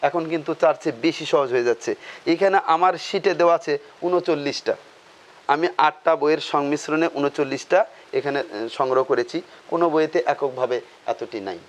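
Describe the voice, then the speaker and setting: A man's voice: a little high, a little hiss or hum. A man teaching a grammar lesson, asking questions and answering them himself, repeating key terms.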